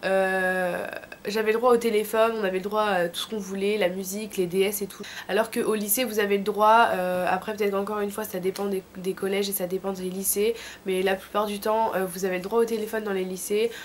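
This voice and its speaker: Speaking a little fast with a flat delivery, this mid-range-voiced vlogger sounds thick and sore-throated from tonsillitis. She's a late-teen woman from France with a throat infection, offering informal, slangy advice in a casual vlog against slight background noise.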